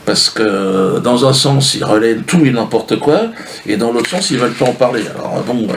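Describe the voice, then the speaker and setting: A man's voice: medium pitch, moderate pace, vocal fry. A male comedian telling a long comic story to camera in a casual, slangy, rambling way. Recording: roomy echo, faint noise.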